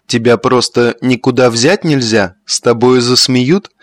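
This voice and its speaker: A man's voice: medium pitch, measured pace, no echo, lightly acted. A man voicing a haughty young woman in an audiobook, with a dry, mocking manner.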